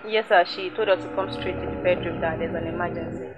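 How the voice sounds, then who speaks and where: An actress playing a polite young friend with a Nigerian accent who speaks deferentially in a film drama. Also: female voice, lowish voice, steady tone, fast talker, highs cut off, faint music behind, close to an everyday voice.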